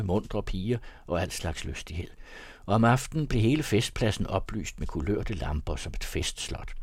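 A man narrating an audiobook in a measured storytelling manner. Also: fairly low pitch, a little mellow, no echo.

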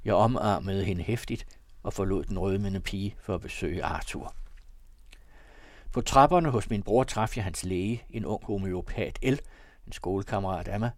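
A man narrating a classic novel for an audiobook in a measured, formal storytelling manner. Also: low voice, no echo. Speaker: audiobook reader.

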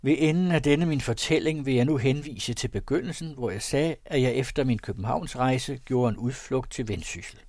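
A man reading an old first-person tale aloud, theatrical and swinging between loud exclaims and hushed asides. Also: medium pitch, hardly any pauses, no room sound, studio quality. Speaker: audiobook reader.

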